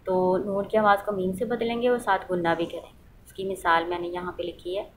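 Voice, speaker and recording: A woman's voice: mid-range voice, flat delivery, a little fast, a little hiss or hum, poor audio. A woman teaching the rules of Quran recitation, patiently asking questions and then answering them, and reciting examples aloud to show how they sound. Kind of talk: explaining a lesson.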